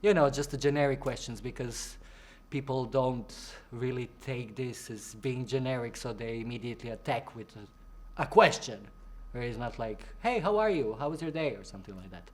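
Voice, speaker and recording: A young Croatian drag artist speaks at a normal speed, chatting playfully in answer to interview questions. To act out others' remarks, he shifts into high voices.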